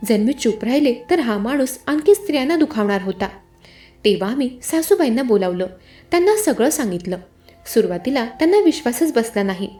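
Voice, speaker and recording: A woman's voice: on the high side, lively intonation, fairly quick, warm tone, faint music behind. A woman telling a first-person story, voicing each character's lines herself.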